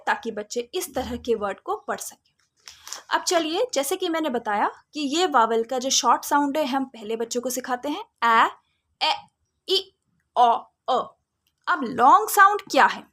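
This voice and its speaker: A woman giving a phonics lesson to parents, drawing out and sounding out letters slowly. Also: high-pitched, expressive, pushed and bright. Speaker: phonics teacher.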